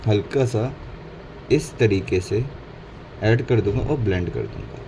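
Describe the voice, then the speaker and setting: A painting instructor narrates a casual tutorial in a mix of Hindi and English, correcting his own slips as he goes. His voice is fairly low, gravelly, and sing-song at a measured pace, with faint background noise in the recording.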